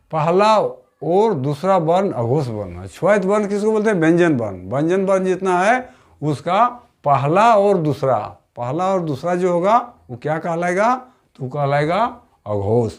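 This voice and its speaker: A man teaching a grammar lesson for exam prep. He keeps asking the class questions, answers them himself, and stretches key sounds out slowly. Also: fairly high pitch, a little mellow. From Jharkhand.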